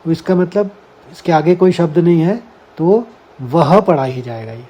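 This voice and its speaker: A man's voice: fairly high pitch, moderate pace, warm tone, breathy edge, highs cut off. A man teaching a scripture lesson, explaining word meanings and carefully sounding out each Sanskrit syllable for his listeners. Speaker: Gita teacher.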